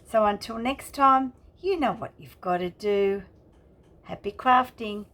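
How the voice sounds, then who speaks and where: A craft channel host walks through each detail in a casual flip-through, talking haltingly and chattily as she shows things. Her voice is medium-pitched with a fairly bright tone.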